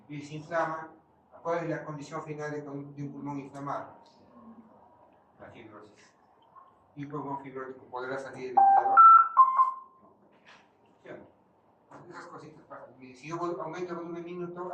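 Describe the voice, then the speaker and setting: A man's voice: fairly high pitch, fairly bright tone. A man giving a physiology lecture, quizzing the class and answering his own questions. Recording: far-off mic in an echoey room, noisy.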